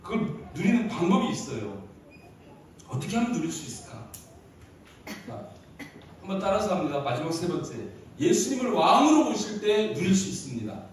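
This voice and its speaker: A man's voice: high-pitched, sing-song, normal speed, long pauses, a little hiss or hum. A male pastor delivering a story-filled sermon in a church, often calling on the congregation to reply. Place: church sanctuary. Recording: echoey hall from far off.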